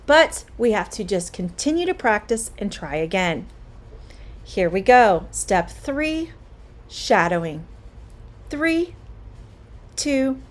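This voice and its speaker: A middle-aged woman teaching a spoken English lesson, slow, clear and encouraging. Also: fairly high pitch.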